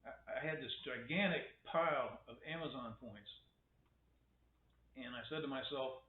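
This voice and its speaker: A man rambles through a casual webcam monologue, wry and opinionated, stumbling over restarts. His voice sits at an ordinary pitch. The sound is thin and phone-like, with an echoey room around him. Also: moderate pace. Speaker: vlogger.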